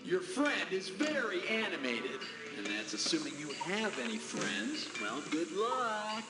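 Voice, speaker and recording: A snarky quiz game host. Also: male voice, high-pitched, wildly swooping pitch, unhurried, exaggerated voice. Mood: sarcastic. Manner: snarky, teasing, showman delivery. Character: brash sarcastic male quiz game host. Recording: game audio with loud music.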